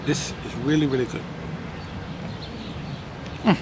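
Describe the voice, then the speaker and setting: Man chewing while talking, loud background noise. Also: a little high, takes it slowly. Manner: enthusiastic, repetitive, murmurs of pleasure. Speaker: food reviewer. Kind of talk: casual food review vlog. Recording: loud traffic and siren noise behind.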